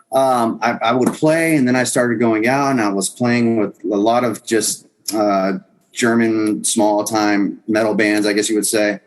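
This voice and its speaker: A man's voice: medium pitch, rough recording. A man in his fifties, a guest musician, telling stories casually in a podcast interview, rambling with restarts and chuckles.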